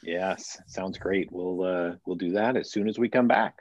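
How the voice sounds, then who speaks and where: Low slow guy cohosting, lively pitch, kinda dull sound. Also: heavy background noise. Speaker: co-host. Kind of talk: casual studio chat.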